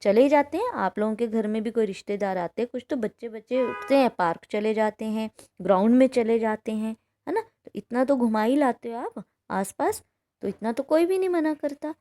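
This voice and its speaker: A woman's voice: on the high side, lively intonation, normal speed, dark tone. Woman teacher explaining a chapter, "है ना?" checks. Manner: reads a passage, then explains it with frequent "है ना?" checks. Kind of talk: explaining a textbook chapter to pupils.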